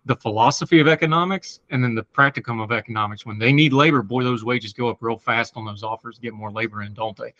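Folksy guy hosting a talk show, appalachian hillbilly accent, talks quick, dry dull lo-fi sound. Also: mid-range voice, a bit bright, dry recording. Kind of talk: casual interview chat.

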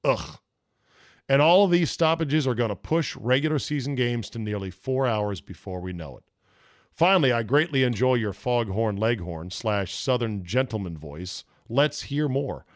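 Expressive and medium-pitched, this man in his fifties speaks at a normal speed in studio-quality audio with no echo. He hosts podcasts and sports radio, and here he's chatting freely in a relaxed solo show while reading listener emails aloud.

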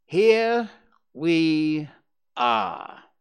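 A storyteller voicing a bossy, self-important, scheming rabbit in a children's storybook, with a deliberate, pompous manner. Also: mid-range voice, big pitch swings, vocal fry, a bit bright, voice pushed up, full character voice. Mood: indignant.

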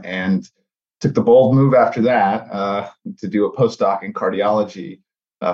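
Born in Mexico and raised in South Texas, this air pollution scientist in his thirties appears as a podcast guest in a casual interview. His very deep voice comes across friendly and lively, sprinkled with "uh," on a slightly dull, lo-fi recording.

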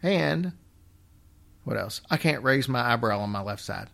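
A man's voice: medium pitch, animated, unhurried, gravelly, a bit bright. A man hosting a casual storytelling show, wry and joking, with a slight slur and the odd whistle or lip smack from a half-numb mouth. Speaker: podcast host.

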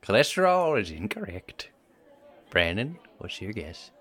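A man's voice: fairly low pitch, very animated, a little slow, fairly bright tone. A man hosting a riddle game, reading riddles theatrically and giggling between them.

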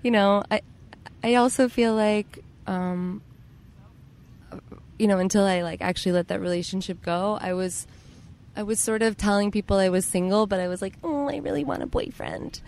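A woman guest in a casual interview outdoors in a park, talking in a reflective, halting and agreeable way. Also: mid-range voice, steady tone, a little mellow. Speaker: podcast guest, yoga teacher.

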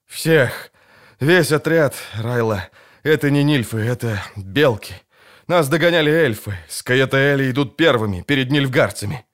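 A man's voice: medium pitch, lively intonation, measured pace, voice pushed up, close to an everyday voice. Brief: bleeding male mercenary, done by a male narrator, groaning with panic. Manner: wheezing, groaning.

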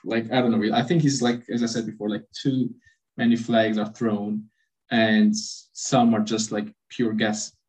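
A podcast host giving relaxed opinions in a casual interview, repeating phrases. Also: mid-range voice, unhurried, low-quality recording.

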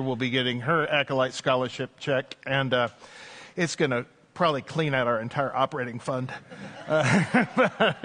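An Anglican priest delivers a sermon at the church pulpit microphone, speaking conversationally with gentle jokes and "uh" fillers. His voice sits in the mid-range.

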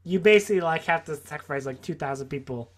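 A man's voice: a little high, quick pace, a crowd in the background. A tipsy man co-hosting a podcast, rambling through a story with constant filler words. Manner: rambling, lots of filler likes. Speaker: podcast co-host.

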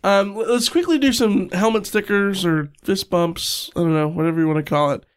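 A man hosting a sports podcast in casual, halting chat, his voice congested and stuffy from being sick. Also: high-pitched, smooth.

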